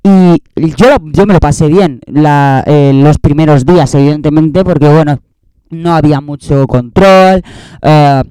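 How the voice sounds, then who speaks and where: A man's voice: on the high side, unhurried, warm tone, smooth, no room sound. A young man with a Spain Spanish accent, hosting a casual, rambling, sarcastic year-end monologue that keeps repeating itself. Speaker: host.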